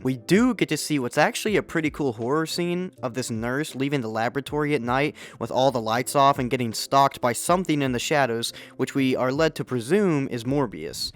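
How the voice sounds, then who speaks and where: A young man narrating a sarcastic film review video essay, with mocking, deadpan asides, close to the mic. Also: medium pitch.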